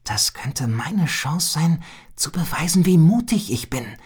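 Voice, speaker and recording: A woman voicing a young male bird who is eager to prove his courage, in a high boyish voice. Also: sing-song, normal speed, breathy edge. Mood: whispered thoughts.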